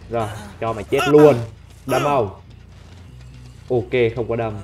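A man commentating his own gameplay, excitable and talking back at the other players. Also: mid-range voice, unhurried, a crowd in the background. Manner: excitable, talks and swears at on-screen opponents. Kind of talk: let's play commentary. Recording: game music playing under the voice. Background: game music and sound effects.

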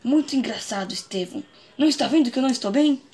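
Woman as a high-voiced grumpy male racing car. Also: lively intonation, fast, a little mellow. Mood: sarcastic, irritated. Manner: indignant, sarcastic. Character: grumpy, sarcastic racing car, easily irritated male rival. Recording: noisy home recording with clicks.

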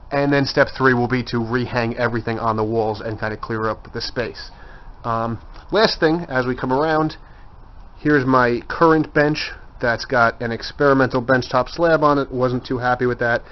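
A man's voice: mid-range voice, fairly even intonation, moderate pace. Man, 30s, woodshop vlogger; chatty walkthrough, on-camera mic, dull lo-fi audio. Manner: chatty, points things out as he walks. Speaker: woodworker giving a shop tour. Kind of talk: casual handheld walkthrough. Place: cluttered home woodshop, indoors. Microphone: handheld camera mic.

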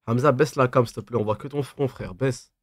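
A fairly quick, mid-range male voice comes through dry and studio-quality. He's a streamer in his twenties with a lisp on his s sounds, bantering in slang and teasing as he answers livestream comments at a desk in a small, dim room.

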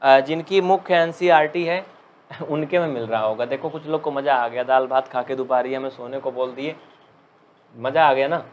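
A man teaching a live online maths class who jokes with students and dictates slowly. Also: medium pitch, steady tone, highs cut off, slight background noise. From India. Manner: chatty, joking, dictates slowly.

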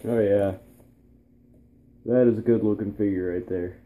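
A teenage man chatting casually through an unboxing vlog in his bedroom, relaxed and rambling with plenty of ums. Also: lowish voice, measured pace, slight background noise. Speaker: vlogger. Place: small bedroom, indoors.

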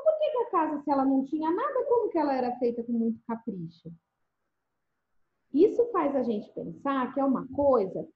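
A woman teacher leading a remote lesson for first graders in a coaxing, sing-song manner, often checking that the children follow. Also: sits high. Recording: echoey room, dull lo-fi sound.

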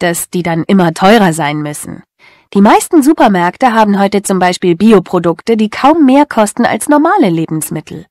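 Self-assured female shopper, mid-pitched, acted. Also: darkish tone, no room sound, studio quality, close to an everyday voice. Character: sensible, quality-minded female shopper. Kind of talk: scripted first-person monologue.

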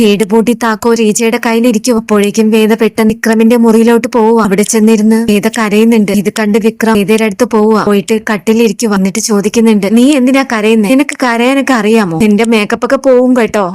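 A woman's voice: fairly high pitch, a little mellow, no echo. A woman retelling a TV serial episode, reading out the characters' lines in plain storytelling.

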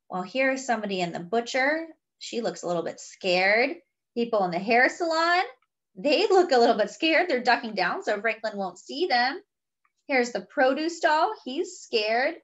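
With an animated, high voice, a storyteller reads a picture book to young children, drawing out her words in an exaggerated way and slipping in chatty asides. The recording has its high frequencies cut off.

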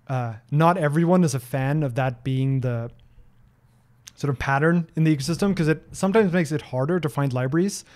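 Fairly high in pitch yet darkish in tone, this voice is a Norwegian man's, in his thirties, speaking English as a second language. In a casual livestream Q&A from his home office, he reads questions aloud and chats through answers with many ums and restarts, right up against a desk broadcast mic.

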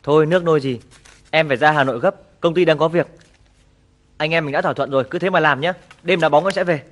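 An actor playing a smooth-talking village betting middleman who reassures his partner briskly, in an old film. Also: a little high, fairly bright tone, natural voice. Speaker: betting broker.

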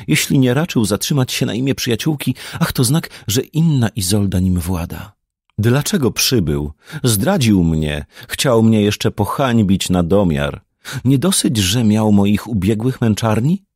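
A man's voice: darkish tone, slightly rough, dry recording, clean studio sound. A man putting on a bitter wounded queen. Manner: raised pitch, slow pained delivery. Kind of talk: audiobook character reading.

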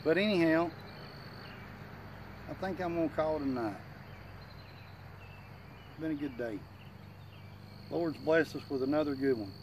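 A man with a rather high voice speaks in a drawl, a little muffled by chewing tobacco in his lip. He gives folksy, plain-spoken advice as a channel host. Faint outdoor nature noise sits behind him. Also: measured pace, long pauses, a little mellow. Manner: plain-spoken, self-deprecating country talk. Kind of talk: casual, folksy advice talk to camera. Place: outdoors in a wooded yard. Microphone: camera a few feet away.

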